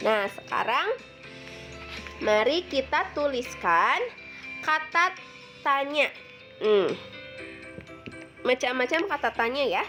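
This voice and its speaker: A woman's voice: high-pitched, animated, slow pace, pauses often, bright, forceful tone, faint music behind. A woman teacher giving a patient lesson to second graders, explaining step by step with frequent fillers.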